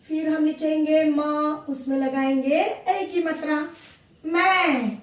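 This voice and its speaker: A woman teacher speaks slowly and carefully, repeating each word for young learners. Her voice sits high. She is heard from a distance in a very echoey room. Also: warm tone. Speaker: Hindi teacher. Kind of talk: slow classroom lesson, spelling out sounds.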